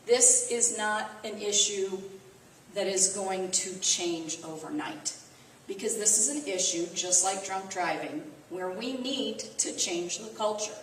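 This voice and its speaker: A woman's voice: medium pitch, a little slow, a little hiss or hum. A woman with a Midwestern accent speaking casually to a small group, conversational, with fillers and self-corrections. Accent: Midwestern American. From American Midwest. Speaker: volunteer speaker. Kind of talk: casual talk to a small audience. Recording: echoey room from far off.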